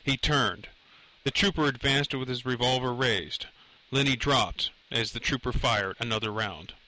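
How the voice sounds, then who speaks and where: A man's voice: medium pitch, a little slow, bright, forceful tone, rough recording. A man narrating a thriller audiobook in a tense, dramatic reading.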